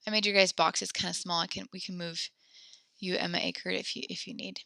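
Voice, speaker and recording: This young woman's voice sits on the low side, with a level tone, vocal fry, and a bright, forceful quality, and she talks fairly quickly. She is teaching French online, slightly out of breath, close to a headset or desk mic with no room sound. She encourages her students patiently and explains step by step.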